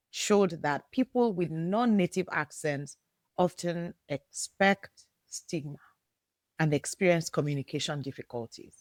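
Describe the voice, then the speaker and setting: Low-voiced woman, slow deliberate podcast host. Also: a little mellow, no room sound. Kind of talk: scripted explanatory narration.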